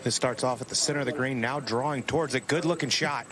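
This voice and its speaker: A man's voice: medium pitch, fast. A man who works as a golf commentator, describing play live from an outdoor course. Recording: loud outdoor course noise.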